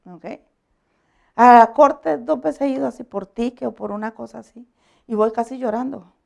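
A woman pastor giving a conversational sermon, telling animated stories, laughing often and checking that her listeners agree. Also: fairly high pitch, normal speed, creaky. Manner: animated storytelling, asks the audience for agreement; laughs often while preaching.

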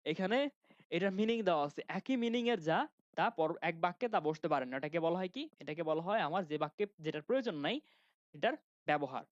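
A man's voice: a little high, animated, fairly quick, dry recording. Young male teacher, Khulna Bangla accent, chatty classroom lecture style, dry and slightly dull recording. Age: young adult. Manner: chatty, asks students questions, restarts sentences. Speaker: grammar instructor.

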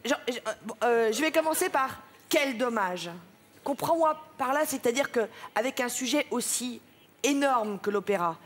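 Woman, jury member, spoken critique, hesitant fillers, slightly high voice. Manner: hesitant, searching for words.

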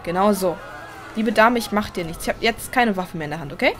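A young woman hosting a let's play, chatty and excitable, often pleading and squealing at the game. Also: mid-range voice, a little fast. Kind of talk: gameplay commentary. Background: game music.

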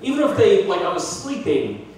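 A man's voice: high-pitched, moderate pace, slight background noise. A man in his thirties doing a self-deprecating stand-up comedy set in a small bar, with a handheld mic, filmed from the audience. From United States. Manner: self-deprecating, animated, puts on voices for bits. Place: small bar with brick walls, indoors. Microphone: handheld mic, filmed by a phone from the audience. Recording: echoey bar from far off. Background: audience laughter.

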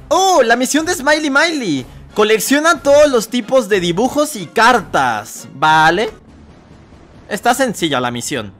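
A young man commentating a horror game as a let's player, talking to viewers and shouting at scares. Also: sits high. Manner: excitable, shouts and screams at scares, chatty asides to viewers. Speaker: gaming YouTuber.

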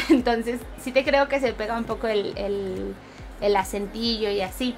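A woman in her twenties with a Mexico City Spanish accent speaks unhurriedly in a fairly high, steady voice, with soft music behind her. Streaming a game from an indoor home setup on a headset, she chats with viewers, reading and answering their comments while she plays.

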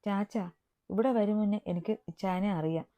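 A woman's voice: medium pitch, normal speed, natural voice. Woman reading as a timid tearful young sister. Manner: hesitant, soft-spoken. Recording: dull lo-fi recording.

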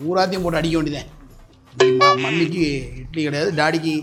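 A man's voice: fairly high pitch, fast, lightly acted. A man playing a cheeky, greedy ten-year-old boy in a comedy sketch, whining and teasing while he keeps calling for his mommy. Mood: sulky. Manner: whiny, teasing, repeats "mommy". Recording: loud background music. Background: loud music.

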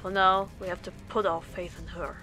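A woman's voice: on the low side, little pitch movement, moderate pace, pushed and bright. Young German woman streaming, music behind. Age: young adult. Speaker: game streamer. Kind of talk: casual let's play, reading game text aloud. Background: game music.

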